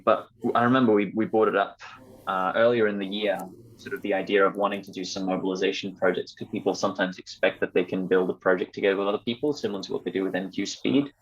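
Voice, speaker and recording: A young man talking casually in a student society meeting over an online call with dull, lo-fi sound. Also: fairly low pitch. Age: young adult.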